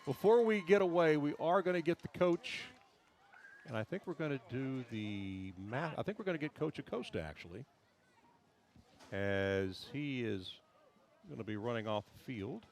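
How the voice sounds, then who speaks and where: A man with an American accent calling a live high school football game as the play-by-play commentator. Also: animated, moderate pace.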